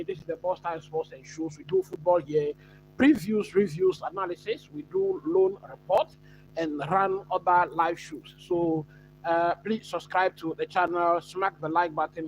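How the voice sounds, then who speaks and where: A man from Ghana hosting a live football watch-along, chatting casually and answering viewers with many pauses and fillers. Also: high-pitched, lo-fi sound, slight background noise. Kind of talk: live stream football chat.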